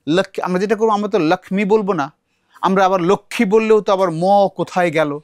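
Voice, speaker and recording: A man's voice: sits high, fairly even intonation, rapid-fire, no room sound, studio quality. A man from Bangladesh teaching a recitation class, patiently explaining and repeating words aloud to model how they are said. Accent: Bangladeshi Bengali. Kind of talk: classroom lesson.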